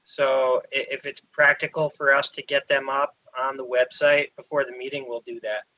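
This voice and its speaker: A man on a laggy video call, speaking in a measured, procedural way as an official advising a zoning board. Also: mid-range voice, level tone, sharp tone. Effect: on a laggy video call, frozen video and broken-up audio. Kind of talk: formal public meeting talk. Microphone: computer mic on a video call. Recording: dull lo-fi video call audio.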